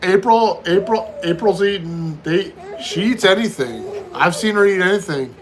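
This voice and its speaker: An American man in his fifties hosts a live stream, chatting casually and answering viewer questions one after another, often repeating himself. His voice is high and animated at a moderate pace. The audio is poor, with a crowd audible in the background.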